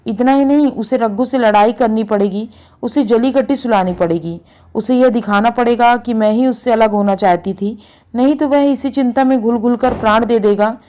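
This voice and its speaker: A woman's voice: a little high, normal speed, warm tone. Woman reading a classic story aloud.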